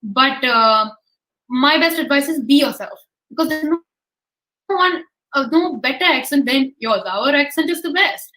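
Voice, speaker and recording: A woman's voice: high-pitched, expressive, measured pace, bright, forceful tone, soft background music, rough recording. A woman speaking as a webinar guest, answering audience questions over a video call with encouraging advice. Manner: encouraging, gives advice in plain terms.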